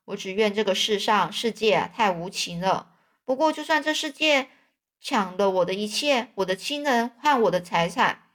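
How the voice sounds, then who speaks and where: A woman's voice: medium pitch, natural voice. A woman storyteller voicing a melodramatic young male drifter who boasts and then laments his fall in a theatrical, mournful way.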